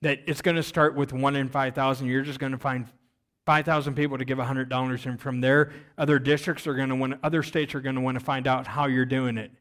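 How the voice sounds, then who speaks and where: A man voicing God with a quiet, steady, commanding delivery. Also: mid-range voice, fast, close to an everyday voice. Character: God, calm commanding male voice.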